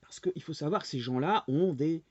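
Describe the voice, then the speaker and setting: A man's voice: a little high, normal speed, darkish tone, breathy edge, no echo. A man in his forties ranting angrily to camera, hammering his audience with rhetorical questions. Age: 40s. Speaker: vlogger. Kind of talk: angry monologue rant. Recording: dull lo-fi dry recording.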